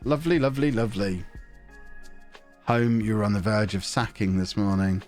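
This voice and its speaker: Playing a football management game on a live stream, this man talks at a moderate pace in a lowish, darkish voice that sounds a little nasal from a blocked nose. He jokes around, reads chat messages out loud, and hums to himself while faint music plays behind him.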